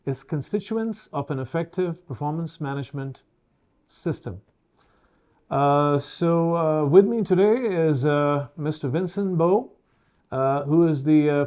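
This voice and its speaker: A man in his fifties hosts a professional webinar in a voice a little high for a man, relaxed and mellow. He speaks formally and unhurriedly, pausing between phrases, and the sound is lo-fi.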